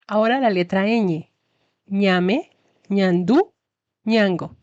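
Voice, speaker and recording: A woman's voice: medium pitch, darkish tone, no room sound, lo-fi sound. A woman teaching Spanish in a scripted lesson narration, carefully pronouncing each example word. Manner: slow, careful enunciation of example words.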